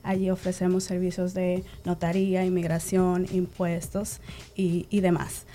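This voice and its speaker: A woman who owns a business, speaking as a panel guest with a steady, encouraging manner. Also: fairly low pitch, measured pace. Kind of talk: panel talk.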